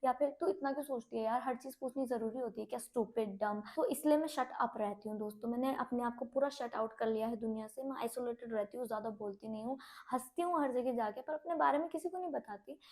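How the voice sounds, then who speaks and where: A woman's voice: a little high, darkish tone. A woman in her twenties, a singer and content creator, talks openly to her viewers in a subdued, heavy-hearted confessional vlog, moving between Hindi and English.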